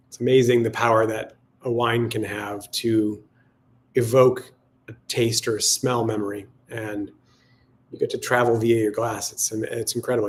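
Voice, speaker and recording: A man's voice: medium pitch, slight background noise. Musing man talking through wine tasting notes. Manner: musing, halting, reflective. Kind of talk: casual sommelier tasting notes, thinking aloud.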